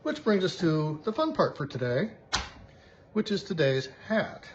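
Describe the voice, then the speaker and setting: A man's voice: fairly high pitch, sing-song, measured pace. A man chatting in a casual video diary, upbeat and rambling as he shows things off. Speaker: vlogger. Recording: dull lo-fi sound with faint background hiss.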